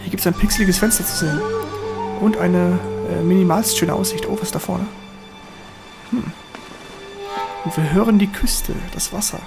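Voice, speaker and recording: A man giving excitable gameplay commentary, swearing at enemies and cheering himself on. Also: sits high, normal speed, vocal fry, pauses often. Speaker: let's player. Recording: voice over game music and gunfire.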